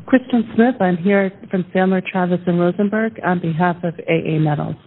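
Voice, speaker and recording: A woman's voice: fairly low pitch, normal speed. A woman speaking as a plaintiff's attorney, making a conversational legal argument in court. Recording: thin phone-like courtroom audio.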